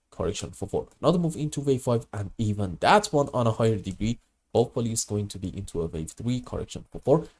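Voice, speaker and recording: A man's voice: lowish voice, darkish tone. A man with a grating voice from a bad cold, explaining chart analysis in an emphatic, instructional way. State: sick with a cold. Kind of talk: live chart analysis lesson.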